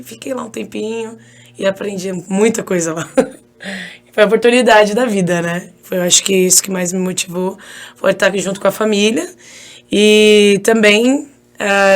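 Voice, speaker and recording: A woman with a Brazilian Portuguese accent, an English teacher telling stories as a podcast guest in an animated, chatty way. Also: mid-range voice. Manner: animated, chatty, laughs often, addresses listeners as "gente". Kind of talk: casual interview storytelling.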